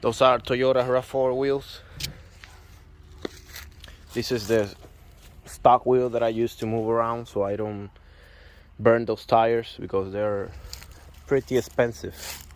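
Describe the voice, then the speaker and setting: Walking around his truck outdoors, a young Puerto Rican man whose first language is Spanish explains the vehicle in a Puerto Rican Spanish accent. His voice is mid-range and flat, and his casual speech is halting, full of word searches and fresh starts.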